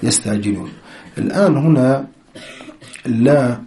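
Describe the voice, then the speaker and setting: Male grammar teacher, mid-pitched, dark warm voice, quizzes and answers himself, frequent throat-clearing. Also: a little slow. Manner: asks and answers his own questions, repeats key terms. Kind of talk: explanatory lesson with quiz questions.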